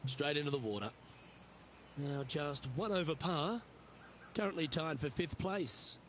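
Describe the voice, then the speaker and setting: A man's voice: a little high, lively intonation, unhurried, a bit bright, a little hiss or hum. A man playing the lead golf commentator in a video game, calling each shot in short running updates over outdoor ambience. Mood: composed, observant.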